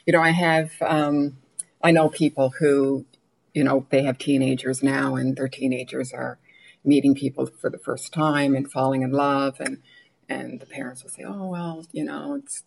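A woman's voice: rumbling low, flat delivery, normal speed, vocal fry, a little mellow, breathy edge, low-quality recording. A middle-aged woman from Newfoundland with a Newfoundland accent, chatting as an author guest on a podcast, laughing often and sometimes dropping almost to a whisper. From Newfoundland, Canada. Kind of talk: podcast interview.

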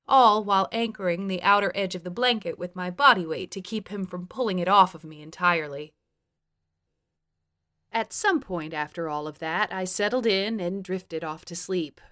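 A woman's voice: mid-range voice, fairly bright tone. A woman reading her own memoir aloud in a frank, wry and profane way. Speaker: memoir narrator. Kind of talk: first-person memoir narration.

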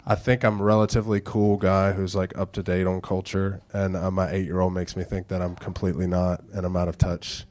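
This man in his thirties is a pastor delivering a laid-back sermon full of announcements and dad jokes. His nose is stuffed up, and he talks low, slow, and fairly monotone.

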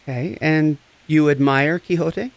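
In an audio drama, a man plays a compassionate, gentle recovery coach and friend, speaking in a slightly high, unhurried voice that's tender, soothing and earnest. His mood is encouraging and instructive, and the recording is dry.

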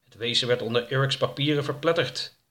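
A man narrating a storybook in a calm, steady way. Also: mid-range voice, fairly quick.

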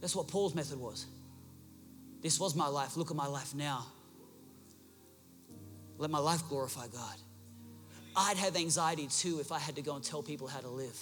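A man preaching in a big church hall, his high, bright voice carrying with a long echo. He drives home his points with repeated refrains, and faint music plays underneath. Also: moderate pace, long pauses. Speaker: pastor. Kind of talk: sermon.

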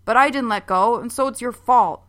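A woman's voice: fairly high pitch, moderate pace, a bit bright, voice pushed up, close to an everyday voice. Woman doing a whiny, blaming young boy. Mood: accusing. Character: defensive young boy, quick to blame.

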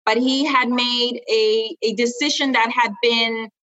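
A woman from Honduras, a guest entrepreneur, talking quickly and casually in an interview with many fillers. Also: a little high, fairly even intonation, a bit bright, dull audio.

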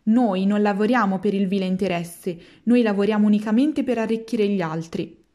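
A woman voicing a greedy tomcat sidekick in a storybook reading, parroting his partner in a raised, louder voice. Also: medium pitch, moderate pace, natural voice. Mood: eager.

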